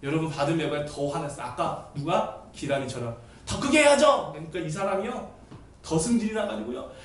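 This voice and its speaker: A man pastor preaching a sermon in a church, telling the story with animated delivery and sudden shouts. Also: fairly high pitch, fairly quick. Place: church sanctuary. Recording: echoey church hall, distant mic.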